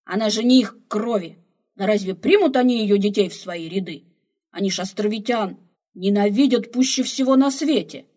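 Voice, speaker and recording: A woman reading the part of a quarrelsome, excitable old male slave who loves adventure. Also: on the low side, moderate pace, slightly rough. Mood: scolding. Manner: loud, scolding, excitable.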